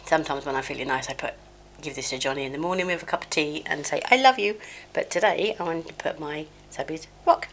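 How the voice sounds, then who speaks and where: She talks quickly with few pauses in a low, fairly bright voice, with slight background noise. The speaker, a middle-aged beauty vlogger slightly chesty with a cold, does her makeup at home through a rambling, self-mocking get-ready-with-me chat, scattered and full of fillers. Her small mic, clipped near her, is sometimes covered.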